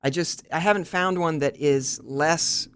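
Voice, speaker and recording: A man's voice: fairly high pitch, unhurried, smooth. A man co-hosting a podcast, speaking candidly and poking fun at himself. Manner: candid, self-deprecating, animated. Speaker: podcast co-host. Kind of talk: casual chat.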